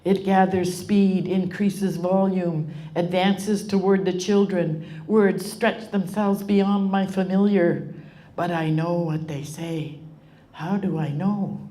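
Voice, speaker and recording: A woman reads her own poetry to a live audience. Her delivery is slow and deliberate, with a steady rhythmic cadence. Her voice sits in a middle register and carries quiet feeling. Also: mid-range voice. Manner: emotionally moved at points. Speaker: author reading her own work.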